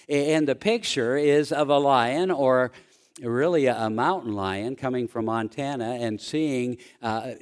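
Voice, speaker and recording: A middle-aged man preaching a sermon as pastor, telling homely stories slowly with frequent fillers. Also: medium pitch. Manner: slow, folksy storytelling with frequent fillers.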